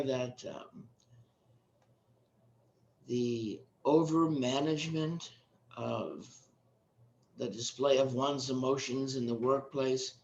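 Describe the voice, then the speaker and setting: A man hosting, asking a slow, measured question with pauses. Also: medium pitch, darkish tone, echoey room, lo-fi sound, a little hiss or hum. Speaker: host. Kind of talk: interview question.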